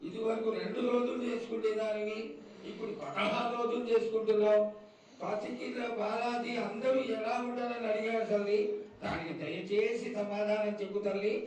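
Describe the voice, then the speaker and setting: A man's voice: sits high, level tone, moderate pace, a little mellow. A man acting as a priest, addressing a goddess in a beseeching, declamatory ritual manner. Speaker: priest questioning the oracle. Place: public temple ritual. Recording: very echoey, distant mic, faint ambient noise.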